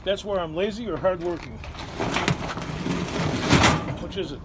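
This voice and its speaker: A man's voice: high voice, a little slow, heavy background noise. A man casually narrating as he takes scrap apart, joking and mocking himself as he works. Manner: joking, self-mocking, talks to himself while working. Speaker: scrapper vlogger. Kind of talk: casual narration while working.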